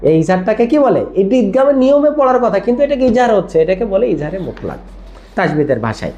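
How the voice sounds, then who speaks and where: Mellow teacher spelling out recitation drills. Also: mid-range voice, very animated, fast, highs cut off. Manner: spells words out letter by letter and drills them; asks frequent check-in questions. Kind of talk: tajweed lesson for teachers.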